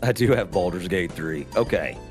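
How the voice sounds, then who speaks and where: A man's voice: deep voice, expressive, moderate pace, soft background music. A man hosting a casual gaming stream, rambling and laughing as he chats. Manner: rambling, laughs often, drawling asides. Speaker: stream host.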